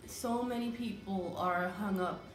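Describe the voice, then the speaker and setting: A woman's voice: mid-range voice, unhurried, echoey room, soft background music. A woman from the Caribbean, co-hosting a casual couple's vlog, talking earnestly with many fillers and restarts. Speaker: vlogger, co-host of a couple's channel. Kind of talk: casual chat.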